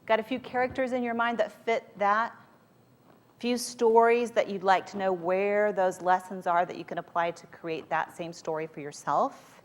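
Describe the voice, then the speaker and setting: A woman speaking as a motivational coach to a live group, with emphatic storytelling and rhetorical questions. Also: medium pitch.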